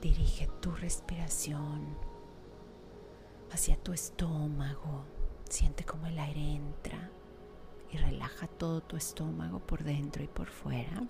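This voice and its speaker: A woman guiding a meditation in a soft, half-whispered, slow and soothing way. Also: low voice, fairly even intonation, creaky. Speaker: meditation guide. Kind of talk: guided meditation. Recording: music playing behind.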